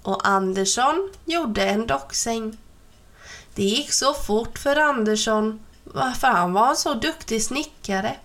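A woman gently reading a children's Christmas story aloud, speaking to the listener directly. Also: a little high, lively intonation.

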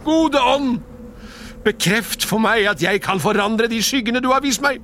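A man voicing a frantic, excitable old male miser in a storybook reading, crying out in a high, strained voice. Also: a little hiss or hum, full character voice. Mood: desperate pleading. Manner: cries out in shrill exclamations. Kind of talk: storybook character voice.

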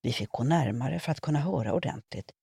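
A woman reading her own humorous column aloud with wry, expressive storytelling. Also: extremely low pitch, gravelly, husky, no echo, studio quality. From Sweden.

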